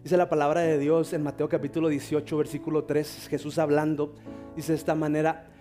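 A man's voice: a little high, level tone. A male pastor, preaching a sermon and praying fervently. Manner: fervent, slows down to pray. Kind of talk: sermon with prayer. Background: soft guitar music.

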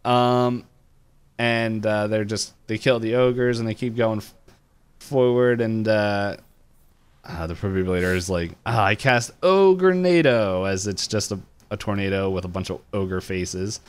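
Retelling a cartoon episode in a loose, rambling recap chat, this male podcast co-host laughs often and leans on fillers. He speaks unhurriedly in a low, steady voice that's clear and resonant.

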